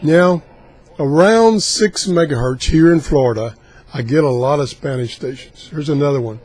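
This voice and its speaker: A man casually demonstrating radio scanning, haltingly thinking aloud as he goes. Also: on the high side, a little mellow. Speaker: radio hobbyist host.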